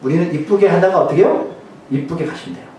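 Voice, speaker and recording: A man's voice: fairly high pitch, quick pace, dark tone, slight background noise. A male pastor preaching a sermon in a church. He talks casually, makes jokes, and keeps asking the congregation questions. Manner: joking, conversational, many rhetorical questions. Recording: very echoey hall, mic far off.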